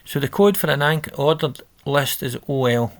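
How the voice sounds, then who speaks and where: A man with a mid-range voice speaks at a normal speed while narrating a coding exercise on a screen recording. As a coding tutor, he reads the instructions aloud, thinks through them, and corrects himself, over the sound of keyboard typing.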